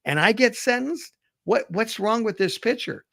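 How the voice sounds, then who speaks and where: A man's voice: medium pitch, moderate pace, fairly bright tone, lightly acted. A man voicing an exasperated male tiger in a spoken fable, complaining with incredulous outrage. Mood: indignant.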